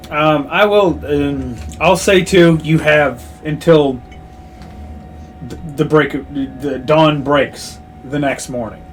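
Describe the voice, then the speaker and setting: Slow-paced male game master over faint music. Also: a little high, rough recording. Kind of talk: improvised tabletop game narration.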